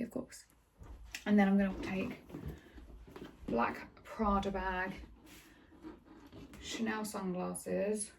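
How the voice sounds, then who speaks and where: A woman's voice: mid-range voice, gravelly, a little mellow, slight background noise. A woman in her twenties chatting casually to camera for her vlog, rambling and correcting herself as she goes. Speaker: vlogger. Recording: dull lo-fi phone audio.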